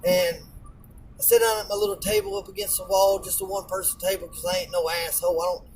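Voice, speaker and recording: A man's voice: high voice, little pitch movement, fast, darkish tone, far from the mic, slight background noise, low-quality recording. A man, a truck driver, telling a rambling, colloquial story in a casual rant, often repeating words and restarting sentences.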